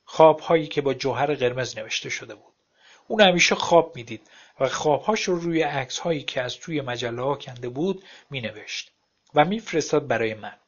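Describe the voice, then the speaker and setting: A man's voice: medium pitch, animated. A man narrating a story aloud in a wry, plain storytelling manner. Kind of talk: audiobook narration. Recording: dull lo-fi recording.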